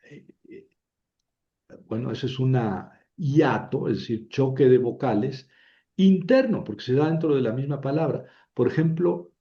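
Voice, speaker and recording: Slow, patient male Greek teacher. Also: mid-range voice, dark tone, lo-fi sound. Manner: patient, spells out syllables, frequent tag questions. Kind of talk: slow classroom explanation.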